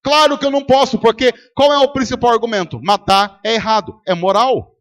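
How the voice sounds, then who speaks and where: Brisk and steady in tone, the very high-pitched voice belongs to a pastor with a Brazilian Portuguese accent preaching at a church service. He uses rhetoric, puts questions to the congregation and acts out arguments.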